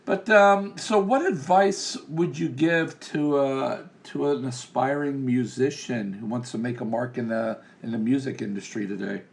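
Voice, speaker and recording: A man interviews a musician in a relaxed, friendly way. He nods along with affirmations and asks open, easygoing questions. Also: mid-range voice, measured pace, creaky, hardly any pauses. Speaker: interviewer, host. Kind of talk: casual interview.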